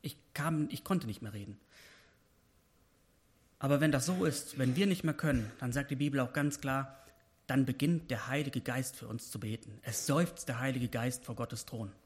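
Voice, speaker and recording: A man's voice: mid-range voice, moderate pace. A man giving a personal devotional sermon, speaking with passion and rising to emphatic peaks when he voices prayers. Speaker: preacher.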